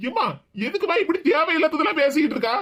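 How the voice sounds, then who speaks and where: A man's voice: very high voice, lively intonation, racing, a bit bright, slight background noise. A voice actor playing a grown son with a southern Tamil accent, defending himself against his mother. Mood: pleading. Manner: defensive, pleading.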